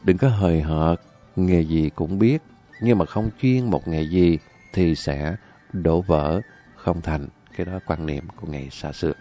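On this radio program, a man spins folk tales in a low-pitched, dark-toned voice, speaking a little slowly. He keeps things chatty and talks straight to the audience, with soft music behind him.

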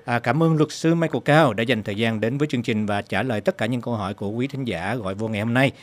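Male radio host, fast-paced, courteous formal announcing, mid-pitched voice. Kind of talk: radio call-in hosting.

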